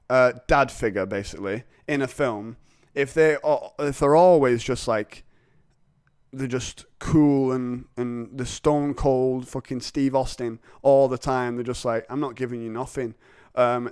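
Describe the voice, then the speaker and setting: A man's voice: medium pitch, steady tone, takes it slowly, a little mellow, clear, resonant tone, dry recording, studio quality. A man hosting a podcast, chatting in a rambling, jokey, confessional way. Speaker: podcast host. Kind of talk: casual chat.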